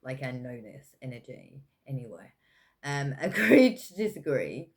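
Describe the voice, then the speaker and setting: Low-voiced lady doing a slow, rambly tarot reading, lots of ums and second guesses. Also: very animated. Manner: meandering, hesitant, full of fillers and self-corrections; chatty with frequent soft laughs. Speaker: tarot reader. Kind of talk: casual pick-a-pile tarot reading.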